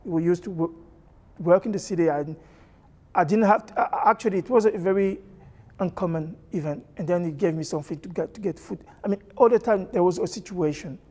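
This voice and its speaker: Young guy from congo, halting church testimony, lots of restarts, warm mellow voice. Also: sits high. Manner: hesitant, halting, with many restarts. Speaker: church member sharing testimony. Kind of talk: personal testimony.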